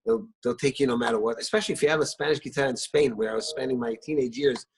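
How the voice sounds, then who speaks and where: Speaking quickly at a medium pitch over a video call from his living room, a middle-aged singer-songwriter guest tells warm stories, often restarting and filling pauses. He was born in Israel and Hebrew is his first language. There is slight background noise.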